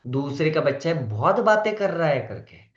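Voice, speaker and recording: A man teaching a devotional etiquette class in a conversational way, mixing English phrases into his talk and bringing in gentle humor. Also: on the high side, big pitch swings, moderate pace. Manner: gentle humor, acts out quoted people. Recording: roomy, dull lo-fi sound.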